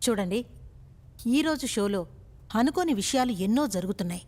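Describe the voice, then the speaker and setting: A woman's voice: fairly high pitch, lively intonation, moderate pace, darkish tone, in a large hall. An actress playing a stern TV talk show host who scolds her guest in a film drama. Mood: solemn. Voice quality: scolding, indignant.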